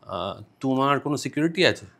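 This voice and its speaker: A man's voice: medium pitch, brisk. Kolkata podcast host guy, chill questions, lots of hmm's. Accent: Kolkata Bengali. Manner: brief prompts and steady listening murmurs. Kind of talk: casual podcast interview.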